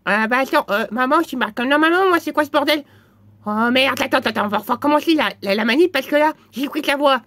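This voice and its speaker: A man doing a squeaky foul-mouthed little guy. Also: fairly quick, sharp tone, no echo. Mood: bickering. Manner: crude swearing, bickering back and forth. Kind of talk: comedy sketch dialogue.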